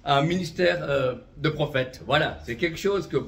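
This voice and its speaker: There's some vocal fry in this man's slightly high, a bit bright voice as he speaks at normal speed. He's in his fifties, from Vietnam, an itinerant minister fervently telling his religious testimony, with frequent "amen" and "voilà" and occasional light chuckles.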